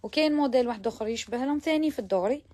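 Fast-talking Algerian woman selling abayas. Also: on the high side, a little mellow, no room sound. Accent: Algerian Arabic. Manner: chatty, mixes French words, praising each garment. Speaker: abaya shop seller. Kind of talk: live shopping try-on walkthrough.

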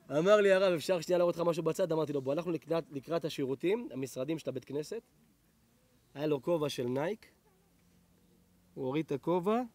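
A middle-aged man, a rabbi, giving a lively Torah lesson to an audience, telling stories in a hushed voice and rising into loud blessings. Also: sits high. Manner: animated, drops to hushed tones for stories, then rises to loud blessings.

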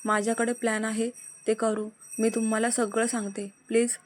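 A woman's voice: on the high side, flat delivery, normal speed, a little hiss or hum, close to an everyday voice. A woman reading the lines of an eager young female friend with a plan, in a story reading. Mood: urgent.

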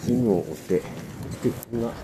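A fishing vlogger on a rocky seashore chats to viewers while reeling, explaining his catch and lure technique in a casual running commentary. He has a mid-range voice and a moderate pace. A body-mounted action camera records him, with wind and crashing waves all around.

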